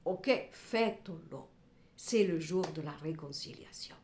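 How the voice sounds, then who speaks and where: A woman working as a clairvoyant, reading cards for her viewers in an animated, expressive way with exasperated comic asides. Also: sits low, a little slow. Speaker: clairvoyant card reader. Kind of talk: card reading addressed to viewers. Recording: roomy echo.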